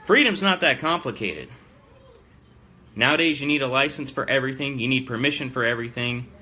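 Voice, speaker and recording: A man's voice: mid-range voice, fairly quick, sharp tone, slight background noise. A man hosting a live show, giving emphatic, plain-spoken political commentary to his audience.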